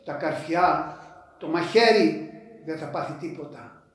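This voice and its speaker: A man delivering a sermon in a declamatory manner, with emphatic repetitions that rise to loud exclamations. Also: a little high. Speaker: preacher. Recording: very echoey church from far off.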